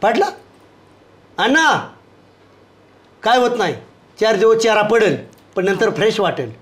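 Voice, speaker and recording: An actor playing a bossy village son-in-law on a diet who orders the family around. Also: male voice, sits high, animated, measured pace, a bit bright. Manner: commanding, teasing.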